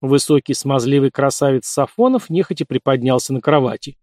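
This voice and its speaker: A man narrating an audiobook in an even, clear reading. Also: mid-range voice, a little fast, dry recording, clean studio sound.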